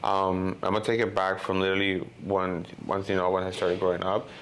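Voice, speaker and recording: A man's voice: low voice, monotone, a little fast, fairly bright tone, a little hiss or hum. A man in his thirties from Honduras, speaking as the guest in a casual interview and rambling with many "you know" and "like" fillers. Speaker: guest filmmaker.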